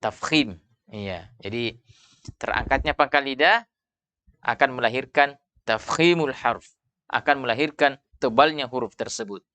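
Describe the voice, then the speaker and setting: A Quran recitation teacher gives a tajwid lesson with call-and-repeat, explaining steadily and often saying "iya" between points. His mid-range voice is sharp in tone, a little slow, with long pauses.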